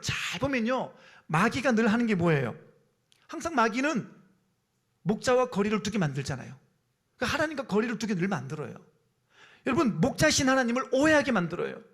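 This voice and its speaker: Preaching in a church sanctuary, a pastor speaks emphatically and calls out to the congregation for responses. His voice sits high with a fairly bright tone.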